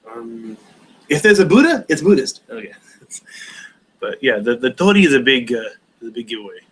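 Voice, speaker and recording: A man's voice: mid-range voice, very animated, moderate pace, fairly bright tone, husky, rough recording. A man in his forties hosting a casual live stream Q&A, rambling with many hesitations and restarts. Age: 40s.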